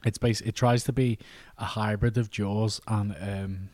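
A man's voice: fairly low pitch, fairly even intonation, moderate pace, darkish tone, dry recording. A middle-aged British man co-hosting a podcast, chatting casually about films in a blunt, sweary way. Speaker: podcast co-host. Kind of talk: casual film review chat.

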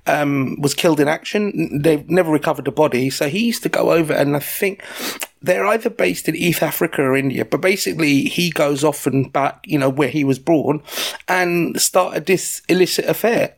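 A British man in his forties chatting as a podcast host, telling personal stories in a sweary, halting, digressive way. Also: fairly high pitch, vocal fry. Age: 40s. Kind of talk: casual personal chat and storytelling.

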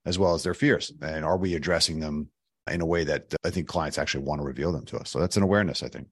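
A man co-hosting a podcast discussion in a conversational style, his voice hoarse, raspy and nearly gone. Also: rumbling low, fast, no room sound, clean studio sound. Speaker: podcast co-host. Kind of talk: conversational discussion of financial advising.

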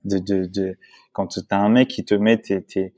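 Un homme à la voix plutôt grave raconte son histoire avec franchise, comme invité d'un entretien décontracté. Il hésite, se reprend souvent et interpelle son interlocuteur avec des « tu vois ». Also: male voice, sits low, flat delivery, unhurried, dark tone. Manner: rambling, many restarts and fillers, frequent "tu vois"; emotional, candid recounting. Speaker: interview guest. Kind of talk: casual storytelling in conversation.

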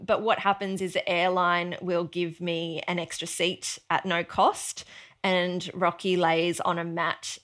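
An Australian woman with a slightly low voice talks openly as a podcast guest. She is matter-of-fact and relaxed, and scatters ums and small laughs through her answers. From Mount Isa, Queensland, Australia. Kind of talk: conversational podcast interview.

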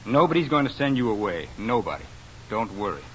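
An actor playing a bitter, moody painter husband in a 1940s radio drama, brusque and swinging from eager to curt. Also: male voice, lowish voice, sing-song, a little fast, fairly bright tone. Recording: dull old radio broadcast, faint hiss.

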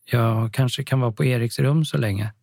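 A man voicing a shy, easily embarrassed young woman, timid and hesitant, with a husky, dry sound. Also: medium pitch, a little mellow, dry recording.

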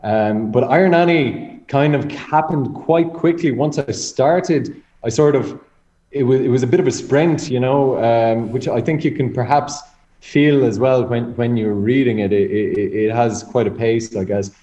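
Mellow male author in a roomy, muffled recording. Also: mid-range voice, a little slow. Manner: hesitant, reflective, repeats words. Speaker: author, interview guest. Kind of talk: conversational interview answers. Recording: muffled, roomy remote connection.

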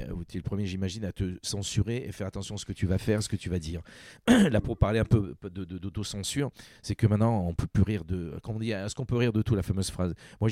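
A man's voice: fairly low pitch, warm tone, no room sound, clean studio sound. A man in casual podcast conversation, talking emphatically in long run-on stretches full of restarts. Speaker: radio humor station programmer.

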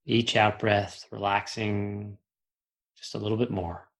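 A man leading a guided meditation in a soothing voice, speaking slowly with long pauses. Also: fairly low pitch, little pitch movement, gravelly, fairly bright tone.

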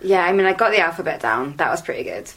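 A woman's voice: lowish voice, expressive, fast, fairly bright tone. A woman co-hosting a radio show in a casual, chatty style.

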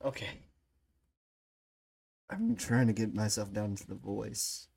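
Woman streamer, very deep voice, slow delivery, laughs a lot with shrieky yelps. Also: gravelly, mellow, slightly rough. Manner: laughs often, shrieky exclamations. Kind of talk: casual live-stream chat.

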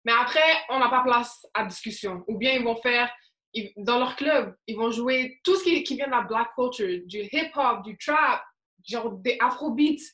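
A woman's voice: on the high side, moderate pace, fairly bright tone. A young woman with a Quebec French accent, speaking emphatically with lots of slang in a casual discussion. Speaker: panel discussant. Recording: echoey room.

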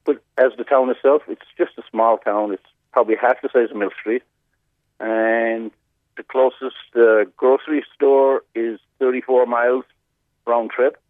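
A man's voice: medium pitch, steady tone, normal speed, no echo. Irish-American man on a phone line. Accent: North Cork Irish with an American twang. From North Cork, Ireland. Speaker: radio phone-in guest, pub owner. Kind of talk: casual chat. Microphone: telephone. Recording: narrow-band radio phone line.

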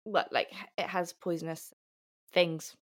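A woman's voice: lowish voice, level tone, measured pace. A woman in a casual podcast chat who explains facts with fillers and restarts and laughs often. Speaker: podcast co-host presenting research.

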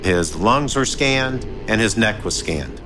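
A man, a doctor, explaining a case calmly in an interview. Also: fairly low pitch, slow, over music. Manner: calm, explanatory.

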